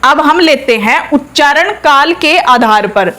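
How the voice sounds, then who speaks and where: A woman teaching a Hindi lesson, repeating vowel sounds aloud and asking her students quick checking questions. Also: high-pitched, lively intonation, sharp tone, reverberant. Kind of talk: classroom lesson on vowel articulation.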